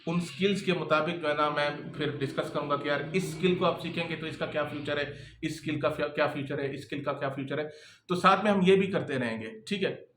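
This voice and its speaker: A man's voice: fairly high pitch, fast, a bit bright, slight background noise. A man coaching freelancers in casual, repetitive talk that keeps checking in with the listener. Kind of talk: casual advice talk to camera. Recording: echoey room.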